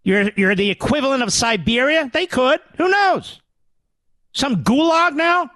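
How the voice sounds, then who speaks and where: A talk radio host rants with sarcastic indignation. His voice sits high for a man and swings widely in pitch. The studio sound is dry and close. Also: expressive, a little slow, bright, forceful tone, no room sound. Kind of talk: combative political talk radio monologue.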